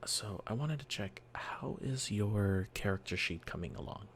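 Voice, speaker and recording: A deep-voiced man speaks softly in a whispered role-play as a friendly dungeon master. He explains slowly and patiently, with gentle fillers. A faint hiss of room ambience sits behind him. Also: animated. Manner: soft-spoken, gentle, reassuring. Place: quiet home early morning.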